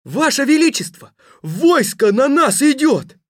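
A woman's voice: mid-range voice, expressive, slow, a little mellow, no room sound, studio quality. A woman doing an urgent sentry messenger. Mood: alarmed. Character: anxious male sentry messenger. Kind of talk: storybook reading.

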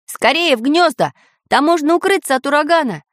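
Bold handyman storybook hero, commanding, voiced by a woman; raised pitch, brisk. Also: expressive, dry recording, studio quality. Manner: commanding shouts.

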